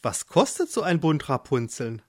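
In a moderate pace and a darkish tone, a narrator performs an anxious, pleading, timid workman for a children's storybook. The medium-pitched voice moves through wide pitch swings.

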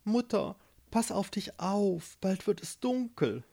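A storyteller voicing a timid young maiden in a tower, soft and a little anxious, in a read-aloud fairy tale. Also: medium pitch, sing-song, unhurried. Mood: gentle.

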